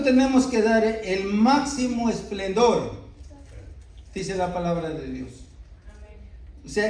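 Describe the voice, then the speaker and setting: Middle-aged male pastor, high voice, earnest sermon, keeps checking in with the congregation, distant from the mic. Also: darkish tone. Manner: earnest, many rhetorical "¿verdad?" asides. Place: church. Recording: echoey church hall, voice from off-mic.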